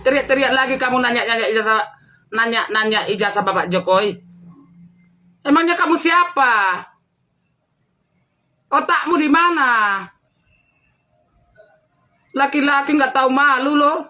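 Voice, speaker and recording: A woman's voice: high-pitched, unhurried, pauses often, pushed and bright. A woman hosting a commentary vlog, scolding and mocking her target with repeated taunting questions. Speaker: channel host.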